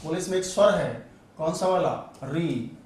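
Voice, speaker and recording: Man, Sanskrit teacher, fairly high voice, repeats syllables, questions and answers himself, heavy room echo, distant mic. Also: moderate pace, darkish tone, a little hiss or hum. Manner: drills sounds aloud, asks and answers his own questions. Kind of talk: online exam-prep grammar lesson. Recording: very echoey room, voice a bit far from mic.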